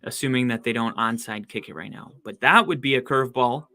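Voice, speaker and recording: Chatty excitable man with a bright voice. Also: mid-range voice, fairly quick, gravelly. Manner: chatty, excitable, rising to loud disbelief at plays. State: losing his voice. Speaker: podcast host doing live game watch-along commentary. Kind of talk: casual play-by-play chat.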